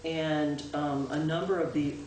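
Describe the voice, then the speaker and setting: In the town meeting room, a woman clerk gives the board a chatty spoken report at a public meeting; her loud voice is low-pitched with fairly even intonation, broken by frequent "um"s and self-corrections. It was recorded for local access through a distant room mic, so it sounds echoey, remote, and noisy.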